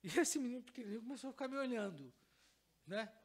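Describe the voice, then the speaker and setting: A man with a Brazilian Portuguese accent, a pastor preaching a teaching sermon in church and telling a personal story. He repeats phrases for emphasis and swings between soft and loud delivery. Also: very high voice, lively intonation, fast talker, breathy edge. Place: church service.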